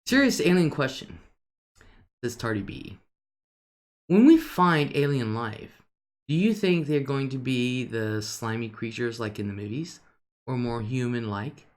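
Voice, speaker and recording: This older woman's deep alto carries lively intonation at a measured pace as she chats casually on stream. She reads viewer comments out loud and often breaks into laughter between remarks.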